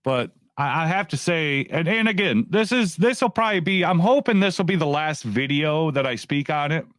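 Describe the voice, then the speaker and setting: A man's voice: on the high side, expressive, normal speed, fairly bright tone, no echo, studio quality. A man ranting casually to his viewers as a YouTube commentator, profane and repetitive, often restarting his phrases. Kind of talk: casual rant to camera.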